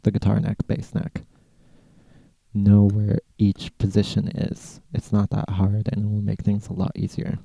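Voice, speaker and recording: A laid-back American man answers listener questions on his podcast. His voice is low and gravelly, with a dark, mellow tone. The sound is close and dry. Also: completely flat delivery, measured pace, dry recording. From California, USA. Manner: laid-back, rambling, with many "like" fillers. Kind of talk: casual Q&A chat.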